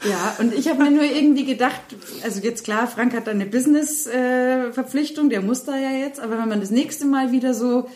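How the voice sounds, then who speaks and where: A woman, co-hosting a casual podcast, telling lively stories and laughing often. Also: sits high, brisk, few pauses. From Bavaria. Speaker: podcast co-host. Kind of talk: casual chat. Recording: roomy echo.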